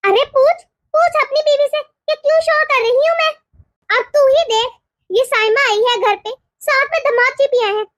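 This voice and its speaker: A woman voicing a scheming, bossy older mother-in-law in a cartoon story, scolding and accusing in a shrill tone. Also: moderate pace, a bit bright, no room sound, studio quality. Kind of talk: cartoon voice acting.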